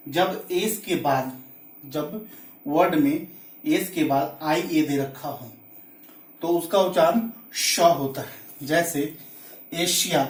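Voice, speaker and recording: Teacher going really slow thru a phonics lesson, spelling stuff out, sounds a bit far off. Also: mid-range voice, a little mellow. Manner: slow and deliberate, spells words out letter by letter. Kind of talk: classroom-style phonics lesson. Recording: echoey room, mic at a distance.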